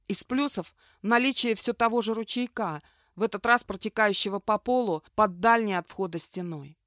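A woman's voice: mid-range voice, dry recording, studio quality. Woman narrating a fierce fantasy audiobook. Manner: heated, vivid reading with fierce dialogue.

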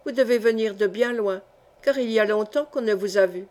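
A woman's voice: medium pitch, a little fast, darkish tone, natural voice. A woman reading the lines of a former tenant farmer, deferential and eager. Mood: respectful.

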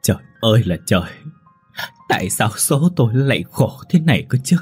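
Một người đàn ông giọng khàn, giọng miền Nam, lồng tiếng một bà mẹ già khổ cực đang giận dữ quát mắng. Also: male voice, lively intonation, fairly quick, breathy edge, faint music behind. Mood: scolding. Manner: scolding, shrill outbursts. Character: angry worn-out old mother, shrill and wailing.

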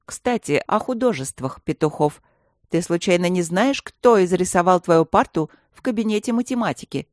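A woman voicing a strict schoolteacher who speaks in a stern, ironic, measured way. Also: fairly low pitch, animated, darkish tone, dry recording, clean studio sound, close to an everyday voice. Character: strict middle-aged female schoolteacher.

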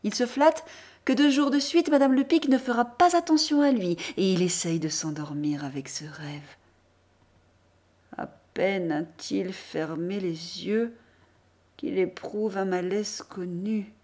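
A woman reads a classic novel aloud for an audiobook, her delivery measured and expressive. Her pitch sits in the medium range, suited to literary narration.

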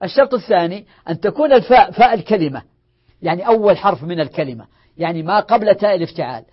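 Rapid-fire and lively, with a high, breathy-edged voice, a sheikh lectures a class on Arabic morphology. He goes over each rule more than once, drills the word forms, and asks questions only to answer them himself, all captured in a dull lo-fi recording.

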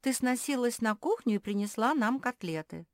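A woman voicing a quick-witted, confident young female character in a storybook reading. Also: fairly high pitch, lively intonation, no echo, studio quality, pitched above the performer's own voice.

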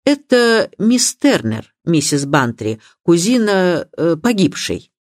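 A woman's voice: lowish voice, sing-song, slow, no room sound, clean studio sound, exaggerated voice. A woman reading the part of a middle-aged male chief constable, bluff and good-natured. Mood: awkward.

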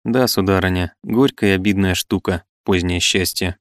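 A man's voice: low-pitched, fairly even intonation, moderate pace, no room sound, clean studio sound, lightly acted. A man reading the part of an irritable older male cynic, mocking and exclamatory. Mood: gloomy.

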